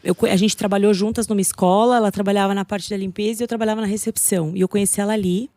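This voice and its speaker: A middle-aged woman talks at a quick clip as a guest on a podcast. She tells stories with energy and acts out the voices of the people she quotes. Her voice is close and dry, with a middle pitch. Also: no room sound. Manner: lively storytelling, acting out quoted voices. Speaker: English teacher guest. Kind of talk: casual podcast chat.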